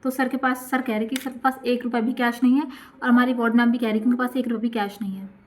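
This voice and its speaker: Talkative woman, rapid storytelling. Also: on the high side, slight background noise. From Gurugram, India. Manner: chatty and dramatic; animated, repeats questions. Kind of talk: storytime vlog.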